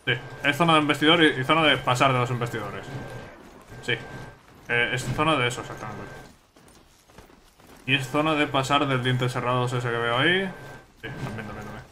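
A man's voice: mid-range voice, fairly quick, pauses often, pushed and bright, slight background noise. A man with a Spain Spanish accent doing casual let's-play commentary, chatty and thinking aloud, often repeating himself. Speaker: gaming streamer.

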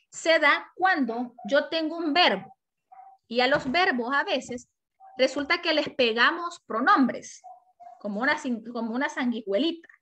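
A woman teaching an online class, animated, asking herself questions and stretching out example words. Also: high voice, slight background noise. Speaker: high school language teacher.

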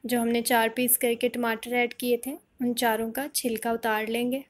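A woman hosting a home cooking channel, calmly explaining a recipe step by step in a voice-over. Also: on the high side, normal speed. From Pakistan. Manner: calm step-by-step instruction.

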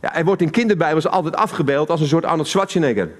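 In a church hall, a male preacher with a Dutch accent gives a live sermon, chatting with the congregation and putting questions to them. His voice sits a little high, and his delivery is fast.

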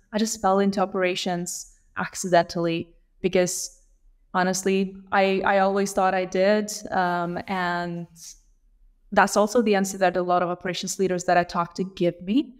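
A woman's voice: medium pitch, clear, resonant tone. A woman in her thirties from Lithuania, a guest on a podcast, telling her story in a thoughtful, reflective way over a video call. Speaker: guest, operations leader. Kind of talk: casual interview chat. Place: small room at home. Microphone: video call with earbuds.

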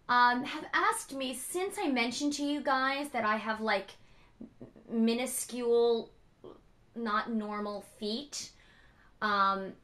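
A young woman vlogging casually from home, chatty and bubbly, her voice raspy from a cold. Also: high voice, pushed and bright. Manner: bubbly and chatty, with many fillers.

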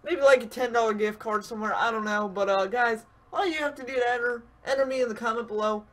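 A man's voice: very high voice, fast talker. A man hosting a gaming channel, giving casual, rambling pack-opening commentary with lots of fillers. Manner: relaxed, rambling, frequent fillers.

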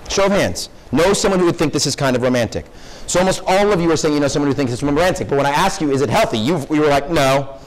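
A young man with a slightly high voice lectures a high school class in a conversational way. He keeps asking the room questions and pushes them to think. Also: animated, quick pace, rough recording. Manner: conversational, asks the audience lots of questions. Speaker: guest speaker, professor.

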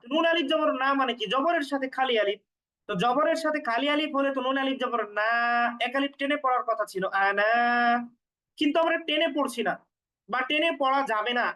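A woman teaching a Quran recitation lesson in Bengali, patiently repeating each rule and slowing down to drill example words. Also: high-pitched, pushed and bright. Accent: Bangladeshi Bengali. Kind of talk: step-by-step tajweed lesson.

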